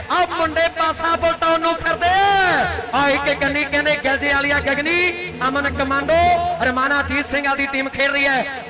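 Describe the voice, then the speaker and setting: Man, extremely high pitch, Punjabi accent, frantic rural sports commentary, excited, rhythmic repetition. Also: low-quality recording. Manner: excited, rhythmic, repeats rhymed phrases. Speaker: live kabaddi match commentator and announcer. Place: outdoor village kabaddi tournament.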